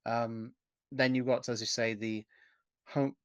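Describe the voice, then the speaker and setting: A man co-hosting a podcast, speaking in a measured way and often searching for the right words. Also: medium pitch, little pitch movement, clear, resonant tone, dry recording, muffled recording. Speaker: podcast co-host. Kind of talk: casual podcast discussion.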